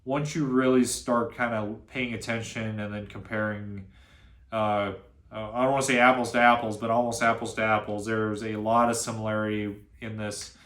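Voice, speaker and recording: A man's voice: lowish voice, level tone, moderate pace, a bit bright, roomy sound. A young man with a nasal voice reviewing guns in a casual, rambling way, full of fillers and restarts. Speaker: gun reviewer, channel host. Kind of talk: casual unscripted video review. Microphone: camera on a stand.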